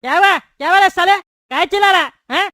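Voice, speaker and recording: Bald thug neta cartoon guy, bossy threats, quick, high. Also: sharp tone, dry recording, clean studio sound. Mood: menacing. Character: bald bullying male thug politician. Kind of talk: cartoon voice acting.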